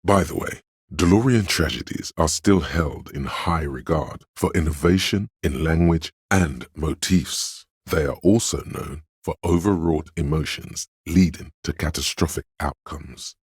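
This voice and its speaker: An extremely low, husky male voice plays a video game's pedantic, all-knowing inner voice, narrating lore in a measured, scholarly, didactic way. Heavily acted, he delivers trivia as scripted narration, laying out facts like an erudite encyclopedia. The recording is dry, with no room around it.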